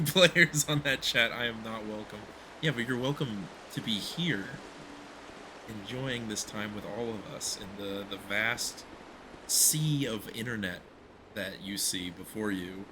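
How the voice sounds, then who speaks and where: A man streaming a video game, chatting casually and teasing with frequent laughter. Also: medium pitch. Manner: playful, laughs often, teasing. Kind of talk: casual live-stream chat while gaming. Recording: noisy background.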